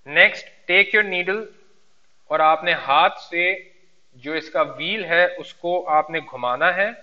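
A man's voice: a little high, rapid-fire. A man giving step-by-step practical instructions as a teacher, mixing two languages as he demonstrates. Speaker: sewing instructor. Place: indoor workroom at a sewing machine. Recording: dull, reverberant room sound.

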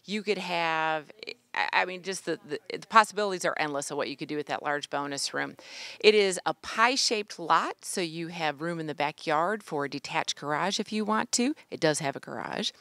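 Lowish voice realtor lady doing house tour off the cuff, punchy sales phrases, really dry recording. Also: moderate pace, pushed and bright, no echo. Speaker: real estate agent and show host. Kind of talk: unscripted property tour narration.

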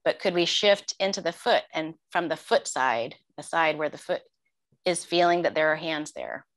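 A middle-aged woman, a meditation teacher, talking in a gentle, thoughtful and unhurried way in an interview. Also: low-pitched, animated. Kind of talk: conversational interview.

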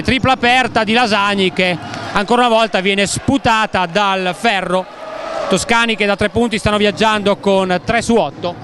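A man giving live play-by-play basketball commentary in a wordy, colourful style, as heard on a sports broadcast. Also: high voice. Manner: wordy, colourful, rhetorical turns of phrase. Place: large indoor basketball arena, commentary position. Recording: noisy sports hall ambience. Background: clear arena noise.

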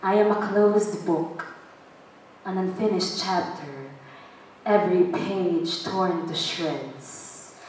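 A young woman performs spoken-word poetry at a stand mic, her slow, dramatic lines sometimes rising to shouts. Her voice sits a little low and carries through a very echoey hall, picked up from a distance with faint ambience behind. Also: slight background noise. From Philippines. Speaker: performance poet. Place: stage in a large hall. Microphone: stand mic, filmed from a distant camera.

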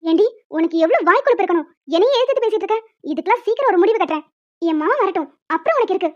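A woman voicing a harsh older mother-in-law in a cartoon, shrill and cutting as she scolds and insults. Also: very fast, a little mellow, highs cut off. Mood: scolding.

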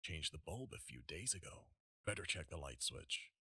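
A man's voice: low voice, very animated, moderate pace, sharp tone, husky, dry recording, clean studio sound, heavily acted. A man playing a rattled, sarcastic, foul-mouthed cinema ticket clerk in a naturalistic horror game style. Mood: puzzled. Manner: sarcastic, exasperated. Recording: noisy game stream capture.

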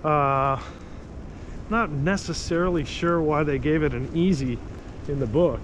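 A man's voice: on the high side, measured pace. A man chatting casually and joking while hiking a wooded trail, recorded outdoors on a camera he carries. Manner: joking, laughs often. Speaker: hiking vlogger. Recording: wind noise on the mic.

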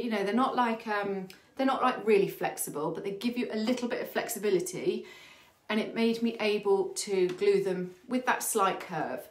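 Uk lady hosting a live paint demo, winded, saying hi to everyone, roomy echo. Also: medium pitch. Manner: chatty, greets viewers by name. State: out of breath. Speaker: furniture painter hosting a livestream. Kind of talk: live demo chat with viewers. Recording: echoey room.

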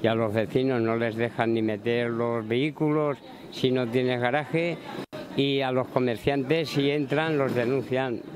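An older man with a mid-pitched voice, stopped by a reporter outdoors. He complains indignantly, with clear street noise all around. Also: fairly even intonation, a little slow. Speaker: passer-by interviewed on the street. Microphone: handheld reporter mic.

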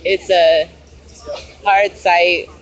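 A woman's voice: lowish voice, fairly even intonation, drawn-out words, dull audio. An American woman doing a casual live interview and commentary outdoors as a citizen journalist. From United States, Los Angeles. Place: outdoors at night by a busy street memorial. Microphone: handheld phone, behind the camera.

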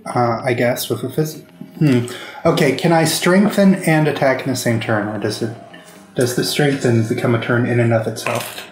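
A man's voice: medium pitch, moderate pace. A man chatting through a tabletop game in a hesitant, casual way. He keeps hedging with "I mean" and "um". His voice rings in a roomy, echoey space with faint music underneath. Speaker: player.

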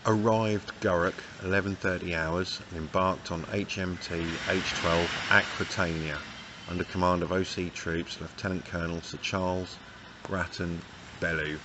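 A man's voice: low voice, fairly even intonation, normal speed. An older man narrating his vanlife travels in a chatty way, with dry self-mocking humour. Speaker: vanlife vlogger. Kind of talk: casual travel vlog narration. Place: campervan and roadside spots outdoors. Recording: noisy outdoor vehicle recording.

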